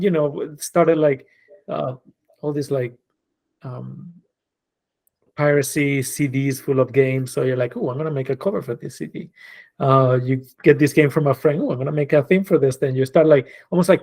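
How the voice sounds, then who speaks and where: In a casual podcast conversation, a Spanish designer and creative director in his forties, Spanish being his first language, looks back on his career. He speaks at a normal speed in a slightly high, slightly mellow voice, reflective and relaxed, with frequent fillers and restarts.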